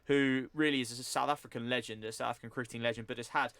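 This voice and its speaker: Man, sports radio presenter, rapid delivery, dry studio sound, fluent news rundown. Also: mid-range voice, fairly even intonation, a bit bright, no room sound.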